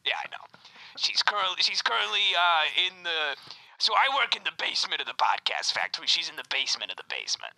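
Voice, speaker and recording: A man's voice: on the high side, very animated, fast, creaky, sharp tone, full character voice, rough recording. A man voicing a fussy male podcast-factory switchboard operator who rambles, hesitates and drops into whispers in a comedic improv bit. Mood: conspiratorial.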